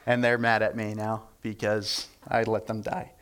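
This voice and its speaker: Smooth-voiced young man giving a casual sermon. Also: lowish voice, little pitch movement, normal speed, fairly bright tone. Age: young adult. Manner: chatty, self-deprecating, many fillers.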